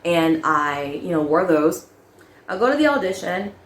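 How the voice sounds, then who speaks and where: A young adult woman casually telling a personal story, animated, laughing often and acting out quoted lines. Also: lowish voice, unhurried, echoey room.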